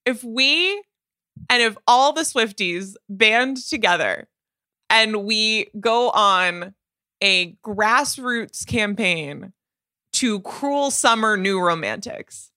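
A woman co-hosting a music podcast, talking eagerly in a chatty way and restarting her sentences often. Her voice is bright and forward. The sound is dry and close, with no room behind it. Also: medium pitch, slow pace, dry recording. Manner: animated, chatty, with many restarts and fillers. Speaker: podcast co-host. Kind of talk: casual music discussion.

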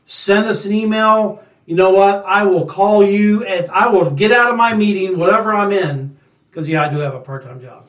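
A man's voice: sits high, normal speed, fairly bright tone. A man hosting a casual show, talking informally and reassuringly straight to the viewers. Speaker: show host. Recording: echoey, distant microphone.

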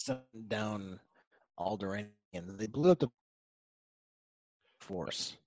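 A man's voice: on the low side, slow, darkish tone, no room sound, poor audio. A man co-hosting a casual podcast chat from a video call, blunt and opinionated. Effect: remote voice on a video call over an internet connection. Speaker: podcast co-host.

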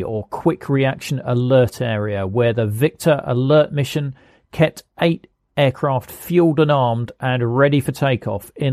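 Male documentary narrator, medium pitch, very little room sound. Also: dark tone, no echo, clean studio sound. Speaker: host and narrator.

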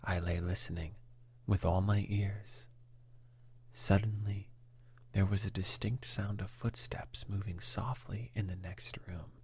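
A man reading a classic story aloud in a breathy, calm whisper. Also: sits low, a little slow, a little hiss or hum. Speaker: reader.

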